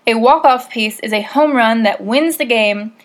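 A woman's voice: a little high, normal speed. A woman hosting a podcast, telling stories in a casual, wry, self-deprecating way from a loose script. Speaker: podcast host.

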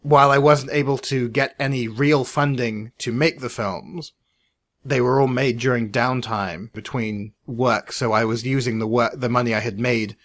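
A man who is an independent filmmaker, co-hosting a casual podcast chat in a measured, reflective way, his sentences trailing off quietly. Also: medium pitch, steady tone.

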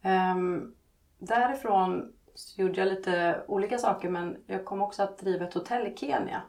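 A woman's voice: mid-range voice, fairly even intonation, a little mellow. A woman author, a guest on a podcast, answering questions hesitantly with many fillers.

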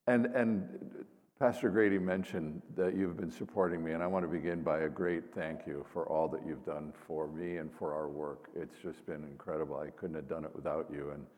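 An older man, a seminary professor, giving an informal, halting talk to a congregation in an echoing church. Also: a bass voice, fairly even intonation, darkish tone. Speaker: seminary professor and missionary pastor. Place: large indoor church space. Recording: reverberant church hall, long echo.

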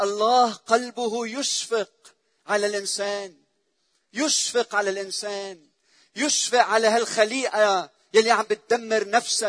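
A man preaching a sermon, emotive and repetitive, swelling loud then dropping to a hush. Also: high voice, no room sound, clean studio sound.

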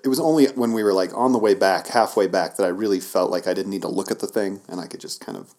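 A man's voice: deep voice, fast talker, darkish tone. A man co-hosting a podcast in casual chat with dry, teasing banter, recorded in an echoey office. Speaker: podcast co-host. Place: office, indoors.

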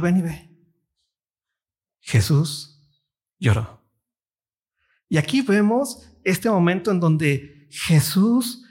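A man's voice: on the high side, darkish tone. A man preaching a sermon, reading scripture aloud and questioning his listeners. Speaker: pastor.

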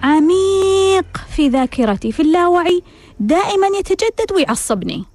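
A woman hosts a self-help show in a high, lively voice that swings widely in pitch. She keeps posing rhetorical questions and answering them herself, while faint music plays underneath. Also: moderate pace, no echo. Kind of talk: scripted self-help monologue.

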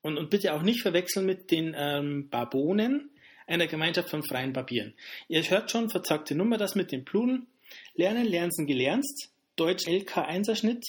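A man hosting a comic mock grammar lesson, joking in a playful, deadpan way. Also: on the high side, normal speed. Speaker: comedic host.

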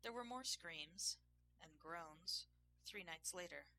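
A woman narrates a scripted story in a soft, hushed voice that sometimes slips into a whisper. Her voice sits low and gravelly. It carries a bright, crisp edge. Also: animated, slow pace.

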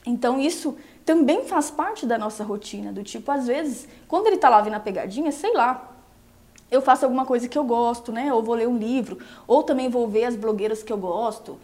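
Emphatic, fairly high-voiced woman. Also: expressive, fairly quick, darkish tone. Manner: emphatic, often checks in with "entende?". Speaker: marriage and relationship coach. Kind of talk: casual live-stream advice chat with viewers.

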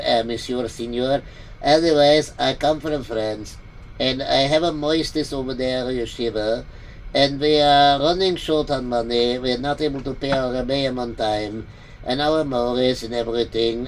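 A man's voice: mid-range voice, far from the mic, slight background noise, lightly acted, poor audio. A man voicing a meek, flustered fundraiser who stumbles over his words in an improvised story. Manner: hesitant, stumbling, apologetic. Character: meek man collecting for a school, flustered and apologetic.

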